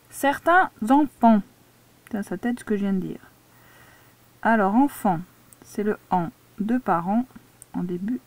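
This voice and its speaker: A woman's voice: mid-range voice, no room sound. A woman teacher giving a dictation lesson to a child, patiently spelling words out syllable by syllable. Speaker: primary school teacher.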